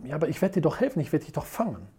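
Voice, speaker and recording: Small fluttering angel as a coach puts it on, soft, coaxing, husky, mellow tone. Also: mid-range voice, very animated, very fast.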